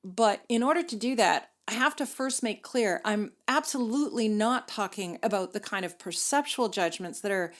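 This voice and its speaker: Middle-aged woman host, chatty first-person storytelling, medium pitch. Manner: conversational, sprinkled with "like" and "you know". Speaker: podcast host.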